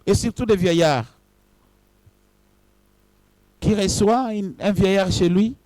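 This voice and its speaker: A man's voice: high voice, slow pace, darkish tone, no room sound. A man, a pastor, preaching a sermon in short phrases and addressing his congregation directly.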